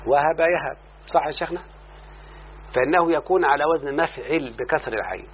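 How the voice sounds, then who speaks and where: A man's voice: on the high side, fairly quick. A man with an Egyptian accent teaching a lesson in a classroom style, explaining each point and constantly asking his student whether he has understood. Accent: Egyptian Arabic. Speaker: teacher of Arabic morphology. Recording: tinny lo-fi recording with faint hum.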